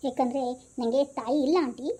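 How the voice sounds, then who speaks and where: A woman's voice: sits high, fairly even intonation, a little fast, mellow, breathy edge. A woman acting an earnest young man in a comic home skit, speaking in a pleading, sentimental way.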